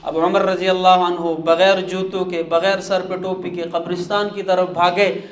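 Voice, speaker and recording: Male preacher, high-pitched, dramatic story sermon, echoey room. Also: little pitch movement. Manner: dramatic storytelling, swinging between hushed and raised passages.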